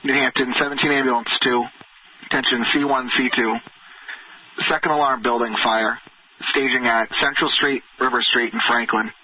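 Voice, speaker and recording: A man makes formal fire dispatch calls over two-way radio. His voice sits at a medium pitch and his delivery is clipped and procedural. The channel is narrow and tinny, with faint hiss and clicks. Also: steady tone, moderate pace. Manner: clipped, procedural, repeats back messages.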